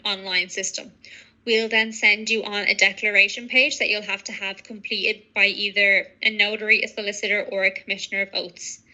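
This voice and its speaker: A legal adviser on citizenship applications methodically explains procedures to a client on a professional call. Her mid-range voice has a sharp tone, and the audio is poor.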